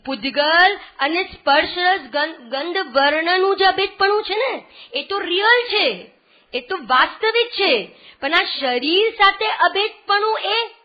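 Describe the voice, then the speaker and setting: Woman scripture teacher, unhurried and questioning, dull lo-fi recording. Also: very high voice, expressive. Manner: questioning, keeps asking listeners if they follow. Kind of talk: religious discourse to a group.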